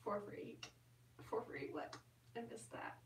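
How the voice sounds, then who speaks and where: A woman's voice: normal speed, background noise. A woman chatting casually on a live stream as an ASMR host, reading and answering viewer comments with fillers. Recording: roomy and distant from the mic.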